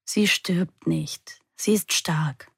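A woman voicing a gentle young man who calms his friend in a soft, often whispered voice. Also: on the low side, very slow, gravelly, husky, no echo, clean studio sound, full character voice. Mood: soothing.

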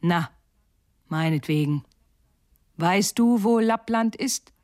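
A woman's voice: mid-range voice, slow, a little mellow, no echo, studio quality, close to an everyday voice. A woman voicing a wild, fierce little robber girl in a storybook, blunt and teasing, at times whispering.

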